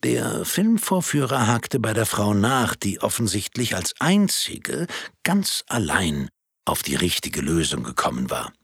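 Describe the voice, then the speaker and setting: A man narrating a story in a measured, wry storytelling manner. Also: lowish voice, big pitch swings, creaky, a bit bright, slightly rough, no room sound, studio quality. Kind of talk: audiobook storytelling.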